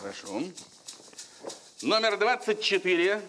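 A man's voice: high-pitched, sing-song, slow pace. A middle-aged man hosting a lottery game show, calling out drawn numbers formally like a bingo caller. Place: large TV studio with audience. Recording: noisy old TV studio broadcast.

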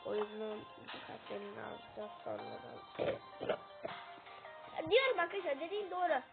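A woman commentating her own gameplay, excitable and quick to yell and curse at her teammates. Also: a little high, creaky. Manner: excitable, yelling at teammates, cursing. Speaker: gamer. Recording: tinny phone-like sound. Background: loud game music.

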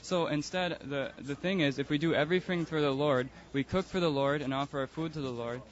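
A man on the street calmly and earnestly explaining his religious views in a debate. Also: on the high side, fairly quick, dull audio. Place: outdoors on a city street.

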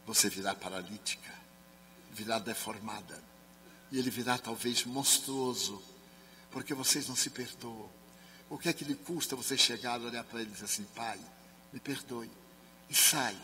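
Man, Spiritist speaker from Brazil, dramatic storytelling, soft murmured quotes, long hall reverb, faint hum. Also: medium pitch, normal speed. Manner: dramatic storytelling, dropping to soft murmurs when quoting others. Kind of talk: seminar talk, personal storytelling. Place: large sports and culture hall.

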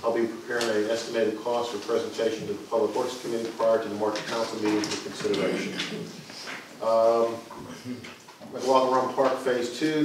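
A man, the borough engineer, giving a matter-of-fact project report to council, halting now and then with fillers. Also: mid-range voice. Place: council chamber. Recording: echoey room from far off with noise.

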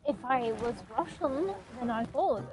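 A woman's voice: high-pitched, expressive, a little slow, background noise. A woman gamer in casual voice chat, snappy and bickering, breaking into giggles. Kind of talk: casual voice chat while gaming.

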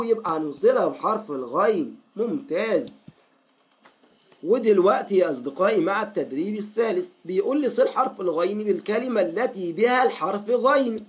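A man with an Egyptian accent, speaking in a fairly high voice, teaches a children's reading lesson. He stretches words out syllable by syllable and often praises the class along the way. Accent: Egyptian Arabic. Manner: drawn-out, syllable-by-syllable word drills; addresses the class warmly, frequent praise. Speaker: primary school teacher.

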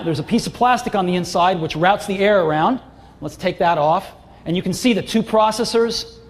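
A middle-aged man giving a product launch keynote on a large auditorium stage, with emphatic, enthusiastic salesmanship. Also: high voice. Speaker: keynote presenter. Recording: long hall reverb, faint crowd.

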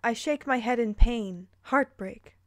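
Her voice sits on the high side and moves at a measured pace as she performs fan fiction for listeners. Between passages she breaks in with teasing, incredulous commentary.

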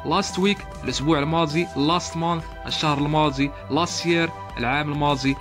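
Guy teaching english verbs, slowish and repeats each form, voice a bit high, faint music behind. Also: fairly even intonation. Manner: slow and deliberate on each English word, repeating verb forms. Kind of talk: language lesson.

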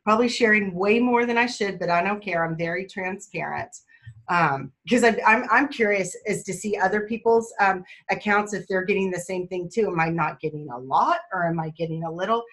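A woman, talking excitedly and chattily on a video call about her mobile notary work, often laughing and rambling. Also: mid-range voice, brisk. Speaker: mobile notary guest speaker. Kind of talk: excited casual webinar talk.

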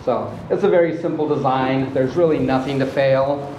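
A relaxed, plainspoken boat owner with a mid-range voice gives a casual walkthrough video of his refit at normal speed, using lots of ums and uhs. He moves through the fiberglass hold and onto the deck, where the hull echoes and faint background noise lingers.

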